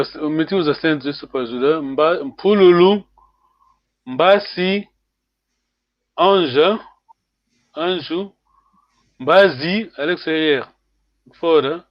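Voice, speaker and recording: This is a man running a language lesson on a video call. His voice sits high and he takes his time, repeating each word patiently. The call audio is slightly dull and lo-fi. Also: dry recording. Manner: repeats words slowly, frequent "hein" checks; switches between French and Portuguese. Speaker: language teacher. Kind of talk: online class teaching.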